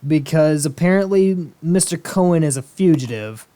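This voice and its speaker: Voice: medium pitch, lively intonation, moderate pace, warm tone. A game player of unclear sex giving casual, joking, sarcastic let's-play commentary with plenty of swearing. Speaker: host playing a video game.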